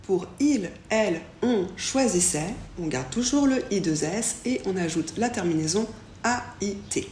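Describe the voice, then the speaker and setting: A woman teaching a French lesson, saying each example slowly and pronouncing it clearly. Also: medium pitch, animated, darkish tone. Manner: slow, clearly articulated model pronunciations. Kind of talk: language lesson. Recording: echoey room with faint background hiss.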